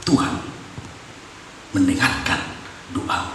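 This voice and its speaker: A preacher voicing Eli, an old priest. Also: male voice, slow, slight background noise. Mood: kindly. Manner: scolding, then gently blessing. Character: old priest, stern then kindly. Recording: echoey church hall, far mic.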